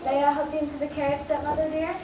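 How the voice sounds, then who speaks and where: A woman's voice: sits high, little pitch movement, quick pace, natural voice. A woman playing a sweet, obliging young servant girl in a children's stage musical, polite and eager. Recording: distant, echoey, noisy theatre with audience.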